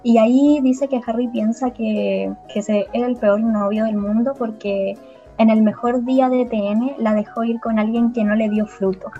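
A young woman with a Chilean accent, retelling a story among friends in a relaxed, halting way. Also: fairly high pitch, soft background music. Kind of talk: casual chat, retelling a story. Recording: slightly muffled recording.

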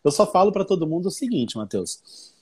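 A man's voice: sits high, very animated, brisk, mellow, slightly rough. A man from Brazil, a guest English teacher, explaining patiently with many examples. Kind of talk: explanatory conversation.

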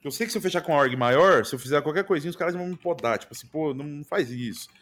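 Brazilian man, streamer guest, rapid slangy chat, slightly high voice. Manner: slangy, animated, repeats mano and velho. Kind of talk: casual podcast chat.

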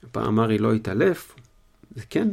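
A man's voice: fairly low pitch, very animated, vocal fry, a little mellow. A man retelling a story to listeners in his own words, casually, with small fillers.

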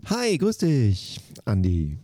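A man's voice: mid-range voice, huge pitch swings, takes it slowly, dark tone, no echo, studio quality. A man, a dance teacher from Germany, giving short, matter-of-fact answers in an interview. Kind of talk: quick-fire interview answers.

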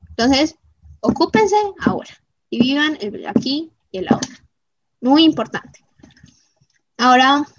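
Woman, motivational vlogger, high voice, emphatic, keeps checking in with the audience; muffled, dry recording. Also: a little mellow. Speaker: motivational speaker. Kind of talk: motivational talk to viewers.

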